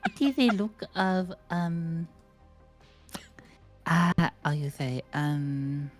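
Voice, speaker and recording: A woman playing a tabletop game in casual in-character banter, halting and repeating words as she improvises. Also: deep voice, faint music behind.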